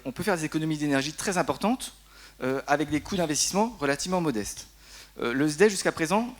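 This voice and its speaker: A man, a deputy director, explaining energy policy on a conference panel, tagging his sentences with "hein". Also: a little high. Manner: explanatory, frequent tag "hein", some fillers. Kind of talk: conference round-table presentation. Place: conference hall.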